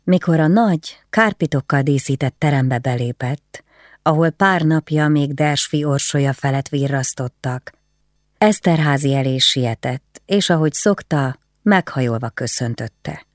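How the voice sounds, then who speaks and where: An audiobook narrator reading a historical novel in a calm, measured way. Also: mid-range voice, no room sound, studio quality.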